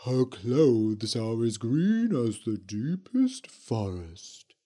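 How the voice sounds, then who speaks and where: A man voicing an eerie ghost witch in a slow, low, sing-song manner. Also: very animated, mellow, full character voice. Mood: flattering.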